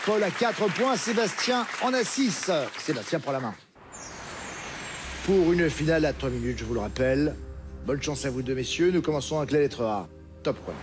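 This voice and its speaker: A man hosting a TV quiz show in a studio, reading questions briskly and crisply. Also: a little high, expressive, over music, crowd noise.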